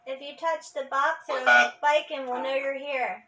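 High-voiced woman in an echoey room. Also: fairly even intonation, measured pace, fairly bright tone. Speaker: paranormal investigator. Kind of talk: spirit box session, short questions to spirits. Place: dark indoor room. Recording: echoey room with background noise.

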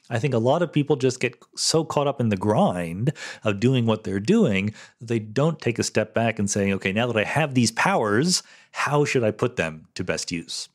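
A middle-aged man with a medium-pitched voice hosts a solo podcast answering listener questions. He explains science thoughtfully and conversationally, checking in with "right?" and "okay?".

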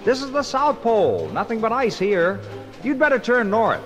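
A man voicing a chirpy male penguin in a storybook record, talking brightly and quickly. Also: very high-pitched, wildly swooping pitch, soft background music, pitched above the performer's own voice, full character voice. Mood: perky.

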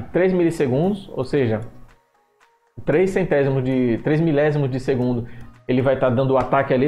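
A man walking through his microphone filter settings in a screen-recorded software tutorial, often restarting phrases and repeating points as he goes. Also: mid-range voice, muffled recording. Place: home room with street noise outside. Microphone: desktop microphone at a computer.

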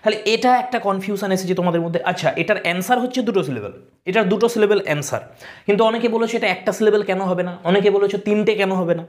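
Male teacher, patient step-by-step explainer, sounds words out slowly. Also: sits high, darkish tone. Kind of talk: explanatory lesson.

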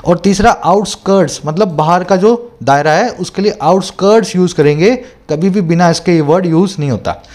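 A young man teaching English for exams, explaining words slowly and repeating each term in two languages. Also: high-pitched, a little mellow. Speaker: English tutor. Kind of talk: exam-prep lesson.

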